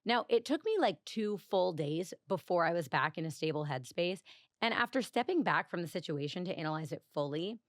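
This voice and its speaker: This podcast host, a woman with a fairly low voice and lively intonation, talks a little fast as she tells a personal story on her own. She's chatty and confessional, uses "like" constantly, and laughs lightly often, all in clean studio sound without echo.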